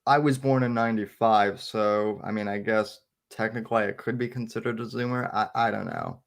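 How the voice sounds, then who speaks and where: A man's voice: lowish voice, steady tone, fairly quick, creaky. Young man in his twenties, rambling. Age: 20s. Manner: earnest, rambling. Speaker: panel guest. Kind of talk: casual panel chat.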